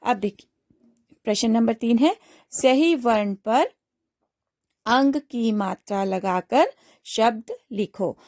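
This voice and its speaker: Slow, gravelly-voiced woman teacher. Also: on the high side, expressive, a little mellow, no echo, studio quality. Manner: sounds words out syllable by syllable. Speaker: primary school teacher. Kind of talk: slow spelled-out phonics lesson.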